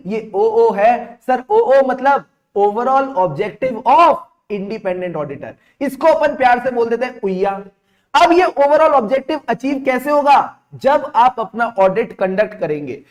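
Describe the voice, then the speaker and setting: A young male teacher with a strikingly high voice leads a live online revision class. He speaks with lively energy, repeating each point and slipping English terms into his sentences. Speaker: CA exam teacher.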